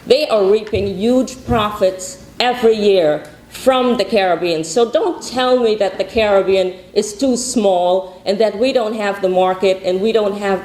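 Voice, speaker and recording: A woman's voice: medium pitch, a little mellow. A woman from Guyana giving rousing, repetitive rallying opening remarks as a conference founder. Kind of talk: conference speech. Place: conference hall. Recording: echoey conference hall.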